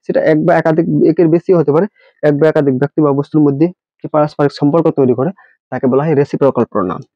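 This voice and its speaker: A man's voice: fairly high pitch, no echo. Guy teaching grammar, spells stuff out letter by letter, dry dull lo-fi sound. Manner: spells words letter by letter, asks rhetorical questions. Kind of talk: classroom-style grammar lesson.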